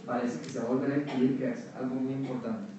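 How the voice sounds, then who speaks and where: Speaking at an academic conference, this Colombian panelist has a mild, mostly neutral accent and a dark, mellow voice of medium pitch that barely rises or falls. He talks haltingly and carefully, often stopping to fill gaps with filler sounds. The mic sits far from him, the highs are cut off, and the big hall adds heavy echo over a low background hum.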